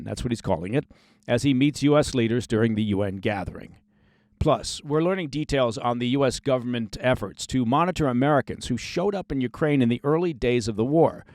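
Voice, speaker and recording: A man's voice: mid-range voice, a little mellow, no room sound. Dry, sarcastic male news host. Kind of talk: scripted news commentary.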